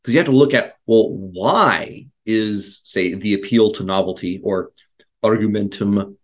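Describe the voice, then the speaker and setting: Man, low voice, casual discussion co-host, rambling, fillers and restarts. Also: a little slow. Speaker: podcast co-host.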